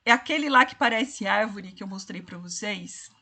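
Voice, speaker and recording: A woman's voice: mid-range voice, animated, moderate pace, bright, forceful tone. A woman teaching a literature class, explaining poem structure and counting syllables aloud to her students. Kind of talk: online class lecture.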